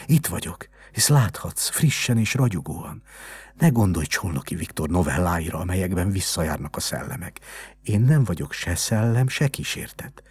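A returned dead young woman, impatient and pleading, her lines pressed out with urgency in a gravelly, husky voice, as a male storyteller puts her on. Her delivery swings widely, rising over a deep base. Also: big pitch swings, a little mellow, heavily acted. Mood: urgent.

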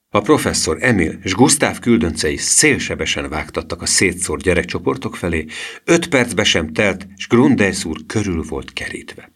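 Deep-voiced man reading a storybook. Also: slightly rough. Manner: expressive reading with lively voice swings. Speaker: audiobook narrator. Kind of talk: scripted storybook narration.

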